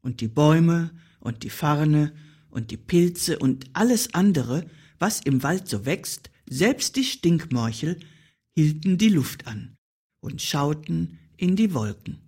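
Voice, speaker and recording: A woman narrating a children's story in an expressive, playful way. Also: low-pitched, breathy edge. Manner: slow, playful, with dramatic pauses. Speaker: audiobook narrator.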